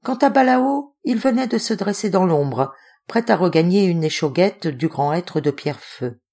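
A woman narrating an audiobook in a calm, measured reading. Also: fairly low pitch. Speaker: audiobook reader.

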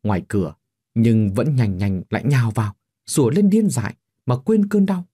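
A man narrating a dramatic story in an expressive reading style. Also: medium pitch, moderate pace, breathy edge.

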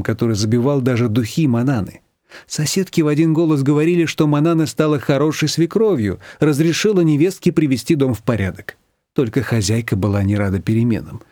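A man narrating an audiobook with expressive storytelling. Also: mid-range voice, no echo, studio quality. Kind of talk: scripted narration.

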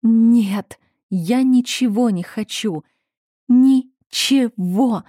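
A woman's voice: medium pitch, warm tone, dry recording, clean studio sound, lightly acted. A woman voicing a hysterical, melancholy young noblewoman who sobs and lashes out. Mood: distraught. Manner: sobbing, drawn-out, raised outbursts.

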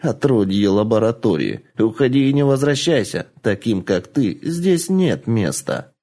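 A man's voice: fairly low pitch, sing-song, unhurried, dark tone, heavily acted. A man voicing a harsh, scheming old woman who runs a house of courtesans, giving cold, clipped orders in an audiobook. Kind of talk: audiobook character voice.

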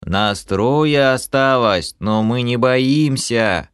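A man's voice: mid-range voice, very animated, darkish tone, no room sound, studio quality, pitched above the performer's own voice. A man voicing a grieving bald male elf who drags out his words and rambles. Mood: tuneless singing. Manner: mournful, drawn-out and tuneless.

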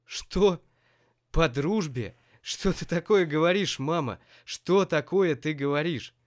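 A man voicing a furious, jealous young prisoner who shouts threats in an audiobook. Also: on the high side, animated, takes it slowly, no room sound, clean studio sound, pitched above the performer's own voice. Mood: enraged.

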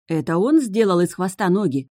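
A woman's voice: lowish voice, very animated, normal speed, dark tone, dry recording, clean studio sound, pitched above the performer's own voice. A woman voicing a bold young mermaid heroine who speaks urgently and insistently.

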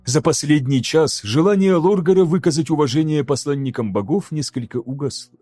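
Чтец-мужчина, мягкий тёмный тембр, размеренное драматичное чтение, тихая музыка фоном. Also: male voice, a little high, dark tone, no room sound, soft background music. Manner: measured, dramatic reading. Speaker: audiobook narrator. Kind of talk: scripted narration.

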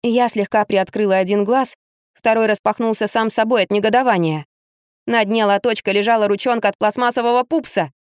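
A woman's voice: mid-range voice, brisk, clean tone, no echo. Lady reading a funny first-person audiobook, medium voice, super dry close mic. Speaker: audiobook narrator.

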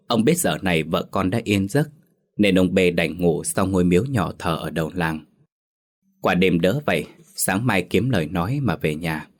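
A man narrating a ghost story in a steady, measured way. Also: low-pitched.

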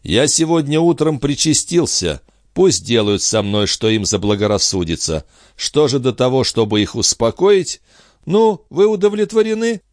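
A man reading an audiobook, voicing a middle-aged king who speaks with calm, measured dignity. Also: medium pitch, dry recording, clean studio sound, voice pushed up, natural voice. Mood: resigned.

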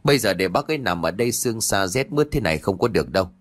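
A man doing a gentle young villager. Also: on the low side, lively intonation, rapid-fire, no echo. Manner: gentle, soft-spoken.

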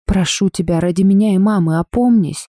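A brave, fiercely loyal young woman, shrill and indignant, with a low mellow base under her cries, as a woman storyteller puts her on. She sounds close and dry, as in a storybook reading. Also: lively intonation, moderate pace, husky, no echo. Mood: frantic.

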